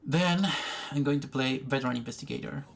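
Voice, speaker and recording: A man giving educational commentary over a card game, thinking aloud slowly, pausing often and restarting his sentences. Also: mid-range voice, vocal fry. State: has the hiccups. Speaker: gaming video creator. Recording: faint background noise, poor recording.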